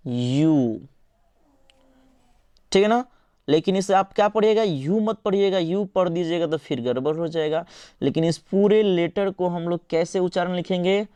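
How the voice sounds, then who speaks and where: Guy teaching english grammar in hindi, keeps asking then answering himself, smooth voice, dry close mic. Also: high voice, no room sound. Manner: lively, coaxing, asks and answers his own questions. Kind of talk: online exam-prep lesson.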